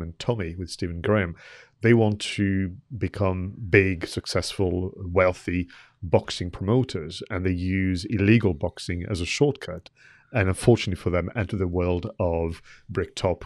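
A man's voice: low-pitched, steady tone, moderate pace, dry recording, studio quality. A man co-hosting a podcast, chatting casually and thoughtfully as he retells film scenes. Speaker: podcast co-host. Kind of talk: casual film review chat.

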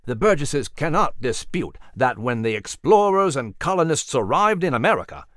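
Man voicing an anxious hoarse whisperer. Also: mid-range voice, sing-song, moderate pace, fairly bright tone, no room sound, clean studio sound. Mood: hushed. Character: male companion, whispering and anxious.

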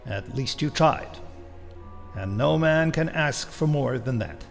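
A man's voice: mid-range voice, lively intonation, slow, vocal fry, big-room sound, faint music behind. A man voicing a weary middle-aged male superintendent who speaks plainly in a dramatized story reading. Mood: resigned.

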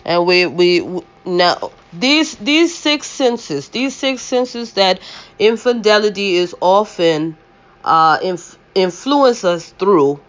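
A woman hosts a faith-based podcast in the role of an apostle, speaking loudly, animatedly and slowly at medium pitch. She rambles, restarting often and using lots of fillers, and the recording has its highs cut off.

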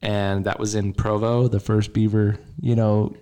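A man chatting casually, telling animated stories and laughing often. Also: on the low side, unhurried, smooth. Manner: laughs often, animated storytelling with loud acted shouts. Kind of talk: casual chat.

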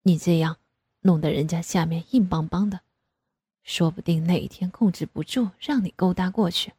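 A woman doing a bashful teasing father, low and breathy. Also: normal speed, dark tone, no echo.

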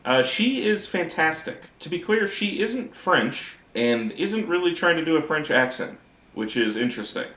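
A man's voice: on the high side, very animated, normal speed, pushed and bright. A man co-hosting a podcast, giving a wry, rambling recap of a TV episode in casual chat. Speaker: podcast co-host. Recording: echoey audio, as if in a sewer.

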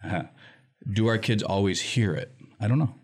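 Deep-voiced man speaking emphatically. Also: moderate pace. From Michigan, US. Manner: earnest, emphatic, keeps tagging lines with "right?". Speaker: nonprofit executive director, guest. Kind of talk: conversational interview answers.

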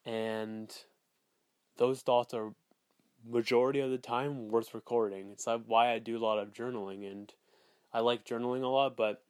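A man's voice: mid-range voice, steady tone, normal speed, a little mellow, clean tone, no room sound, studio quality. A man hosting a solo podcast, recorded as a voice memo on a phone recorder app, talking in a rambling, self-assured way with lots of filler words and swearing. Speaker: podcast host.

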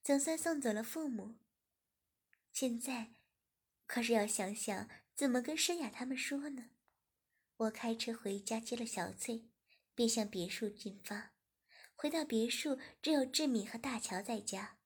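A woman narrating a story in a plain, steady reading manner. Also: on the high side, measured pace, husky.

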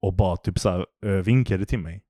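A man's voice: low-pitched, no echo, studio quality. A young man telling a story in casual chat, swearing a lot. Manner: animated anecdote-telling, heavy swearing.

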